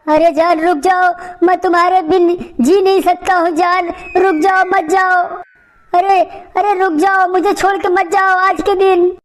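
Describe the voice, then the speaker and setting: A woman's voice: very high-pitched, little pitch movement, measured pace. A woman voicing a lovesick young man in a cartoon comedy, begging and pleading in a tearful way.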